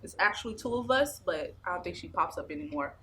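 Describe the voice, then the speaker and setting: A woman's voice: lowish voice, animated, fast, very noisy. A woman, an interview guest speaking emphatically and repeating her points. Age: 20s. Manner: emphatic and preachy, repeats phrases. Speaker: interview guest, anger management specialist. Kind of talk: casual interview talk. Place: small indoor studio set.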